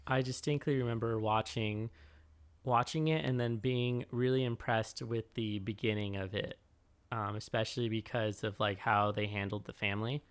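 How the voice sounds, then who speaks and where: A man co-hosting a podcast in casual chat, laid-back and quick to laugh. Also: lowish voice, fairly even intonation. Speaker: podcast co-host.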